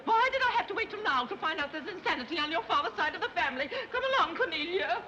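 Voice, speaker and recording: A woman's voice: extremely high pitch, animated, fast, bright, forceful tone, highs cut off, heavily acted. An actress playing a scatterbrained, fussy, middle-aged society mother in a 1930s screwball film. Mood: exasperated. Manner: fluttery, fussy, dithering. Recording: noisy 1930s film soundtrack.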